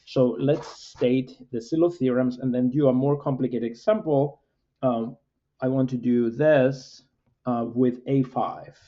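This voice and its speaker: A man, a mathematics professor, lecturing with frequent "uh" fillers in a measured, explanatory way. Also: medium pitch, steady tone, dark tone, muffled recording.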